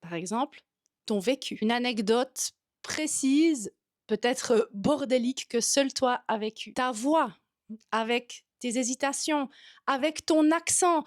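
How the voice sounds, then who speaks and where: A woman with a Swiss French accent, a yoga teacher and content coach, talking straight to camera in a direct, lively way, addressing the viewer informally. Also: on the high side, measured pace, no room sound, clean studio sound.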